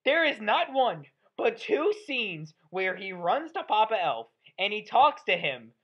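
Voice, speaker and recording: Woman reviewer, foul-mouthed and sarcastic, rambling rant, medium pitch, dull muffled mic. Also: big pitch swings, unhurried, husky. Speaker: movie reviewer. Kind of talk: ranting movie review. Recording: dull lo-fi audio.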